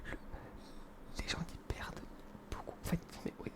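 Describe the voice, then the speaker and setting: A young man whispering in a hushed, breathy library whisper as he presents books in an informal, earnest, hesitant ASMR style. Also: normal speed.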